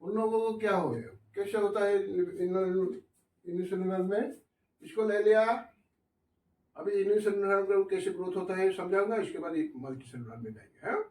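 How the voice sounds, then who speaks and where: A man's voice: high voice, moderate pace, a little mellow. A man teaching a biology class in Hindi. He asks the students questions, answers them himself, and mixes in English science terms. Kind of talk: classroom lecture at a whiteboard. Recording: echoey room, voice from a distance.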